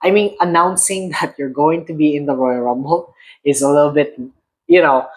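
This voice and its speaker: A man's voice: a little high, fairly even intonation, moderate pace, low-quality recording. A young man with a Filipino accent, co-hosting a casual podcast, who talks in a hesitant, hedging way full of fillers. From Philippines. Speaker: podcast co-host. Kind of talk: casual chat.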